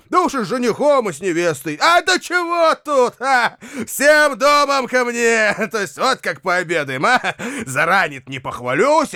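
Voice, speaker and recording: A man voicing a fat jovial country squire in an audiobook, loud, hearty and laughing. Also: high-pitched, dry recording, clean studio sound, voice pushed up, exaggerated voice.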